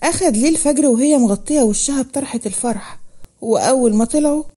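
A woman with an Egyptian accent narrating a scripted village love story in a steady, plain manner. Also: high voice, fast, breathy edge.

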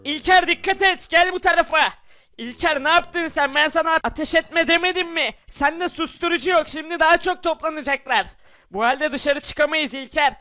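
A man's voice: extremely high pitch, normal speed, bright, forceful tone, no room sound. A man voicing an anxious young survivor trapped in a house by zombies, who keeps scolding his friend. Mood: worried. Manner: anxious, scolding, repeats the other's name.

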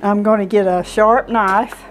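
A home cooking show host, a woman in her sixties with a Southern US accent, cooks in her home kitchen and talks through each step in a folksy, informal manner. Captured by a clip-on lapel mic, her medium-pitched voice is steady and unhurried, with soft background music.

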